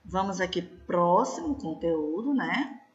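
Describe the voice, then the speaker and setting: A woman teacher giving an online slide lesson, slow and patient, often checking in with her class. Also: lowish voice, lively intonation, highs cut off. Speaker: Spanish teacher.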